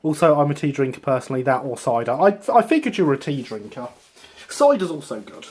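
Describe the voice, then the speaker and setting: A man's voice: medium pitch, big pitch swings, fast talker, darkish tone, reverberant. A British man hosting a model railway livestream, chatting casually and laughing at himself while he works. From Britain. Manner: jokey, self-mocking, laughs often. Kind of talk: casual live-stream chat.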